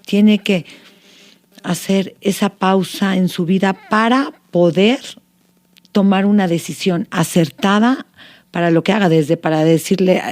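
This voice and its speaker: A woman's voice: mid-range voice, darkish tone. A woman hosting a podcast who asks the guest long, searching questions and restates what she has heard. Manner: inquisitive, restates and builds longer questions. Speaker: podcast host. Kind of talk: interview questions.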